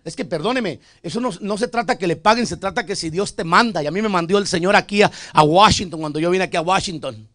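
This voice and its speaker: A male pastor preaching a sermon, shifting between loud, fervent lines and quiet, joking asides, often calling out to the congregation as brothers. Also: high voice, fast talker, hardly any pauses, no echo, studio quality. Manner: calls out "hermano" to the congregation. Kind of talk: Spanish sermon. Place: church sanctuary.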